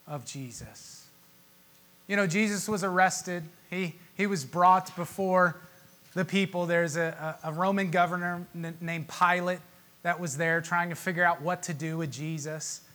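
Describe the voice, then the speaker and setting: A male pastor preaching a Christmas sermon, emotional, with dramatic pauses and swelling emphasis. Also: a little high, fairly bright tone.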